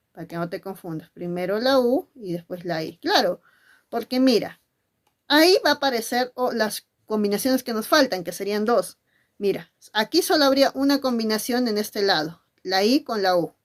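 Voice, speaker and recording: A woman teacher giving a spelling lesson. She asks questions and then answers them herself, and she speaks fondly to her pupils. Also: mid-range voice.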